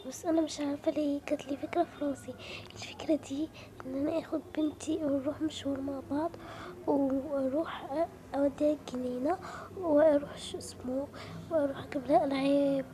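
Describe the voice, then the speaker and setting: Woman playing a hushed, fond young mother. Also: sits high, steady tone, quick pace, background noise, pitched below the performer's own voice, natural voice. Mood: musing. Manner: hushed, half-whispered musing to herself. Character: soft-spoken young mother, fond of her daughter. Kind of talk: Roblox story role-play voicing.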